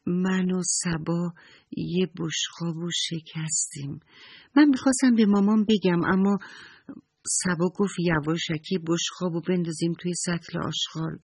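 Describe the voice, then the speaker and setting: A man voicing an earnest young girl in a children's story, speaking softly and sincerely. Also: sits high, steady tone, vocal fry, slightly rough, no room sound, clean studio sound, full character voice. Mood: remorseful. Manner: earnest, soft.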